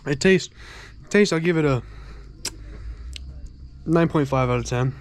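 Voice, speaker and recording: A man's voice: a little high, unhurried. Young male vlogger, upbeat and slangy, shot on a phone outdoors by a lake. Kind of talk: casual vlog to camera.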